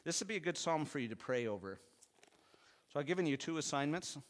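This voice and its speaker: A male pastor preaching a sermon, earnest and heartfelt, swinging from emphatic peaks to soft, hushed lows. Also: animated, fast. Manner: earnest, rising to emphatic then dropping soft and low.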